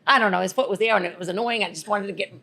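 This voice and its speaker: A woman's voice: medium pitch, rapid-fire, pushed and bright. A woman co-hosting a podcast, telling a rambling story in a casual, giggly way. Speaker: podcast co-host.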